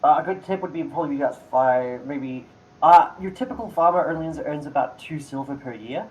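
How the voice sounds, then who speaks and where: A man's voice: fairly high pitch, moderate pace, dull audio, natural voice. A man voicing a chatty male shopkeeper who rambles and hesitates with many ums. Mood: helpful.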